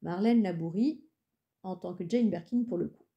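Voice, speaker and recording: Woman reading a fussy male agent, middle-aged, smooth patter, very mellow dark tone, audiobook. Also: on the low side, moderate pace, highs cut off. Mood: pitching.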